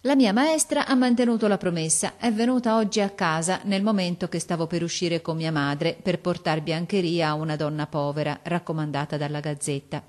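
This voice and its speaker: Woman reading an old novel aloud, lowish voice, measured and expressive. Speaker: audiobook reader. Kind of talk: scripted narration of a classic novel.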